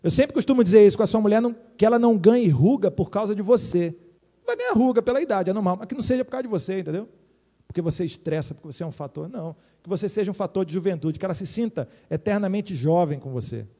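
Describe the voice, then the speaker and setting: A Brazilian man in his forties, a pastor preaching a lively, joking sermon and speaking straight to his congregation. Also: high voice, quick pace, long reverb tail. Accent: Brazilian Portuguese. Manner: lively, jokey preaching with direct appeals to the congregation. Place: church hall.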